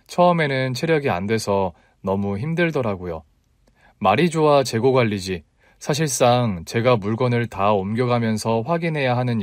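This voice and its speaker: Brief: male narrator, mid pitch, soft storytelling, dry close mic. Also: dry recording. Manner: gentle, even storytelling. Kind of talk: first-person story reading.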